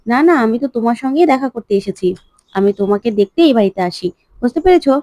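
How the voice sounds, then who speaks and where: A cheerful young man full of flattery, read by a woman narrator in her usual voice. The voice is mellow and fairly high, and the sound is dry. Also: fast, dry recording, lightly acted. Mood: friendly.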